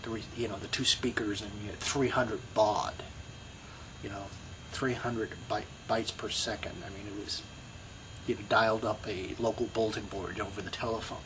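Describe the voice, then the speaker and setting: Over a noisy background, a middle-aged video blogger with a Brooklyn accent muses in a rambling personal monologue, repeatedly saying you know and restarting. His voice sits on the low side, with a steady tone and moderate pace.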